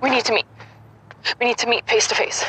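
A woman's voice: on the high side, steady tone, fairly quick, fairly bright tone, breathy edge, rough recording. An actress playing an urgent, stammering, panicked woman.

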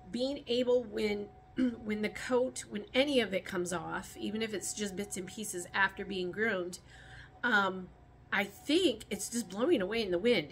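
A woman's voice: medium pitch, sharp tone, a little hiss or hum. A woman from Michigan chatting casually outdoors while handling her rabbits, rambling with many ums and restarts. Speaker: rabbit keeper vlogger. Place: outdoors by a rabbit colony pen.

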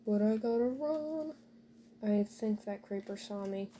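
A woman's voice: mid-range voice, unhurried, warm tone, a little hiss or hum. A woman casually commentating her own gameplay, talking to viewers with joking asides and dry sarcasm.

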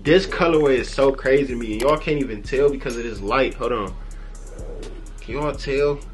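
A young man vlogging from his bedroom, excitedly talking to camera in casual slang and peppering lines with "bro" and "you feel me". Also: medium pitch, moderate pace, soft background music. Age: young adult. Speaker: vlogger showing a hat collection. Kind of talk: casual vlog talk to camera. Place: small bedroom with purple LED lights.

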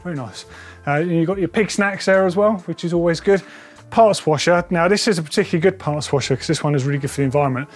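A man in his forties with a fairly high voice gives a chatty, enthusiastic tour of an indoor bike workshop. Soft music plays faintly underneath. He thinks aloud as he goes. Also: fast talker. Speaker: presenter.

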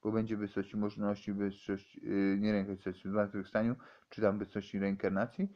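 Halting, rambling man on a muffled recording. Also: lowish voice, flat delivery. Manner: halting, many restarts and repeated words. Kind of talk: rambling amateur explanation.

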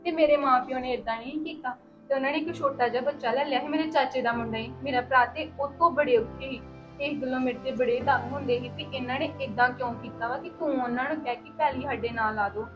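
A woman's voice: sits high, fast talker, highs cut off, over music, lightly acted. Woman playing a tearful young beaten wife. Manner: pleading and tearful. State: crying. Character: young wife beaten by her in-laws, pleading. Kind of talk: village family drama acting.

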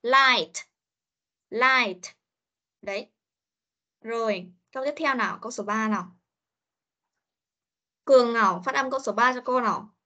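A woman English teacher leads an online pronunciation lesson, drilling each sound and word several times. Her voice is a little high, bright and forceful, at normal speed with frequent pauses. The video-call audio sounds muffled, like an online meeting.

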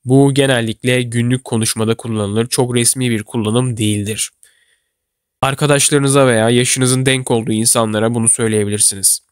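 A man walks learners through everyday German phrases. His voice sits at an ordinary middle pitch. The recording is dry and close, with no room echo, and he says each model phrase slowly and carefully. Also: fairly even intonation, clear, resonant tone. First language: Turkish. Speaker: German language teacher. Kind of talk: instructional explanation for learners.

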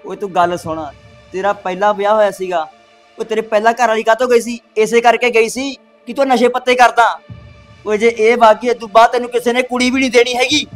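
A man's voice: very high voice, fairly even intonation, a little fast, soft background music. A man playing a stern, scolding uncle. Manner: scolding, lecturing. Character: stern uncle scolding his addicted nephew.

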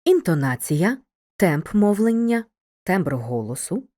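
Low, lively-voiced woman narrating a lesson. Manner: clear, measured delivery addressing a student. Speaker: teacher narrating a video lesson. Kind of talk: scripted educational narration.

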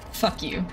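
A woman hosting a casual let's-play, swearing freely and reacting out loud to the game. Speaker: gaming channel host. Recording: faint game music behind.

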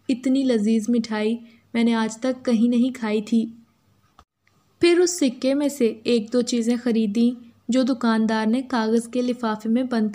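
Mellow-voiced woman narrating a story. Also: fairly high pitch. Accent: Urdu. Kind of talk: scripted first-person story narration.

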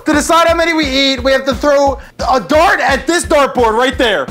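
A young adult man hosting a challenge among friends in casual, excitable chat, often shouting, recorded indoors. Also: very high-pitched, normal speed. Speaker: challenge video host. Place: indoors in a basement games room. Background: music.

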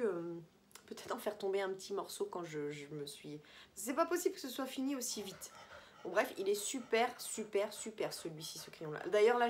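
A woman's voice: mid-range voice, slight background noise. Chatty woman rambling through a beauty vlog. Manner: chatty, rambling, many fillers and self-corrections. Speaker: beauty vlogger. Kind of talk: casual product review vlog. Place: holiday apartment indoors.

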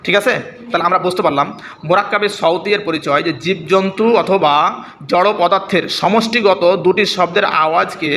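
A man's voice: high-pitched, a little fast, sharp tone, echoey room, a little hiss or hum. A man teaching Arabic grammar in a classroom lesson, repeating points, mimicking sounds and checking that his students follow. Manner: repetitive, checks students' understanding.

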